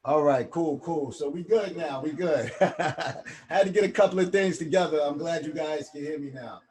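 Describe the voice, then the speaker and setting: A man's voice: a little high, moderate pace, darkish tone. Casual man teaching an online class. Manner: casual, keeps adding "right?". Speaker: instructor. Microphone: video call.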